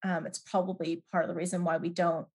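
A woman's voice: fairly low pitch, little pitch movement, fast, a little mellow, husky. A middle-aged woman from Canada answering questions in a podcast interview, thoughtful and hesitant with many fillers. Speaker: guest.

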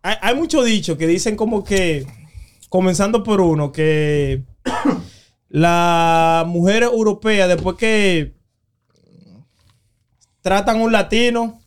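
A man's voice: high-pitched, takes it slowly, long pauses, clear, resonant tone. A man hosting a casual podcast chat, asking easygoing questions. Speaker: host.

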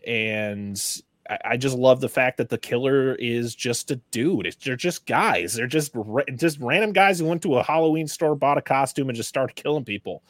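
A man's voice: mid-range voice, expressive, normal speed, dry recording. A man on a podcast as a guest, chatting eagerly about horror films and restarting his sentences often. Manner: enthusiastic, rambling with restarts. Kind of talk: casual film discussion.

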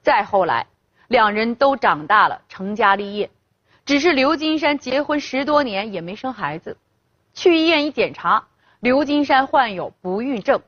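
Husky, expressive woman storyteller. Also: a little high, moderate pace, dry recording. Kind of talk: scripted story narration. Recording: dull lo-fi, dry.

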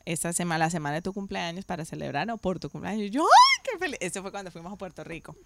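A middle-aged woman on a chat panel telling a long, animated personal story and slipping in English phrases. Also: lowish voice, very fast, creaky, very noisy. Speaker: panel guest.

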